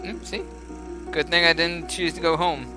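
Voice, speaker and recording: Chatty high-voiced young man gaming. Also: fairly even intonation, normal speed, music in the background, poor audio. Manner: chatty, laughs often, muses aloud. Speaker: let's play gamer. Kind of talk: casual game commentary.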